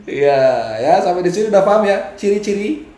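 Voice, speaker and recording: Male business coach for a live stream. Lively, swooping delivery that keeps jumping up to mimic other people, with frequent laughs. Recorded with a roomy echo. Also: normal speed. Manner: animated, laughs often, mimics people in a higher voice. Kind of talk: live-stream talk answering viewer comments.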